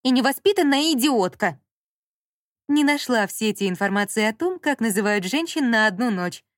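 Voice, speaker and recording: A woman's voice: a little high, lively intonation, moderate pace, no echo, clean studio sound, lightly acted. A woman doing a snide rude smart-speaker assistant.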